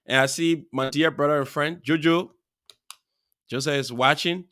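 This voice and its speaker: A man hosting a live talk show, rambling through chatty shout-outs to viewers with frequent chuckles. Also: fairly high pitch, fairly even intonation, moderate pace, no room sound, clean studio sound. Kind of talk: casual live-show chat. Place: studio.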